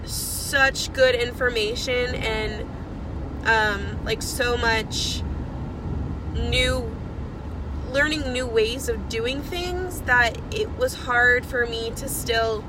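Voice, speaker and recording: Speaking very slowly in a fairly high voice, a young woman in network marketing sends a casual video message while getting over a cold. She rambles with lots of fillers, recording on her phone in the car with the air conditioning on, and background noise comes through.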